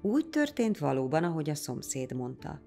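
A woman narrating a folk tale in a lively, expressive storytelling manner. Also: deep voice, creaky, faint music behind.

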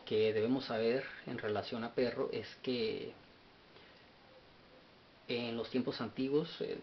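A man's voice: mid-range voice, fairly even intonation, unhurried. A man giving an unscripted Bible study lesson, often stopping and repeating words as he searches his notes. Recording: dull lo-fi sound with faint hiss.

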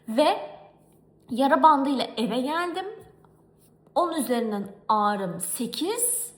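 A young woman from Turkey telling a story in a casual cooking vlog, animated and exasperated. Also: high-pitched, reverberant. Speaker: vlogger. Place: home kitchen.

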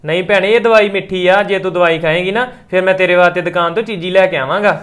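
A man's voice: high voice, fairly even intonation, fast, fairly bright tone, slight background noise. An actor playing a caring young brother who coaxes his sister to take her medicine. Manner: coaxing, caring.

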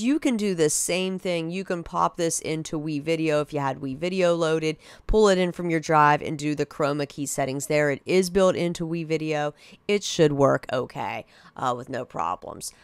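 A woman teacher talking students through a software task in a casual, direct classroom manner. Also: low voice, clear, resonant tone, dry recording. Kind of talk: screen-recorded software tutorial.

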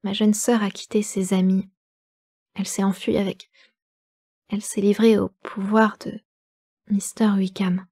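Lady doing a frantic young gentlewoman, urgent and pleading, a bit husky. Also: medium pitch, little pitch movement, a little slow, pauses often, no echo, clean studio sound. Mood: distraught. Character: agitated young gentlewoman in distress.

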